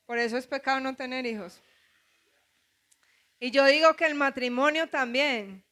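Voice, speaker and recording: A woman's voice: high-pitched, normal speed, bright, forceful tone. A middle-aged woman pastor with a Colombian accent, preaching a sermon full of rhetorical questions. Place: church.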